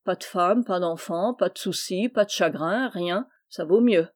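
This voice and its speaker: A woman's voice: fairly low pitch, measured pace. A woman voicing a placid idle barfly. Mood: weary, resigned. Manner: calm, even, world-weary delivery. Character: idle middle-aged male drunkard, placid and resigned.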